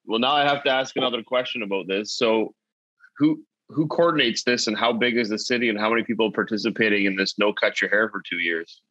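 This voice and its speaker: A man's voice: fairly low pitch, a little fast, pushed and bright, no room sound. A man hosting an interview podcast, upbeat, loose and chatty with fillers. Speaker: podcast host. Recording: dull, dry call audio.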